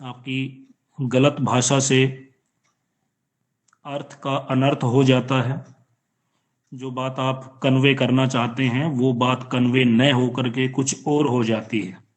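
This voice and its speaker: A man teaching an online class with an Indian accent, explaining slowly and patiently with repeated examples. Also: medium pitch, little pitch movement. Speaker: college teacher. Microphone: online class, computer or phone mic.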